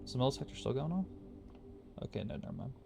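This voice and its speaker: Gravelly man muttering over game music. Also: medium pitch, animated, racing. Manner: muttering, thinking aloud while playing. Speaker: gaming YouTuber. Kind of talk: casual gameplay commentary.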